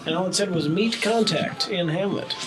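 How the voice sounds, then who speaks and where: A man's voice: sits high, normal speed. A man role-playing casually as a player in a tabletop game. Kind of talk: casual improvised role-play. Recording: noisy room recording.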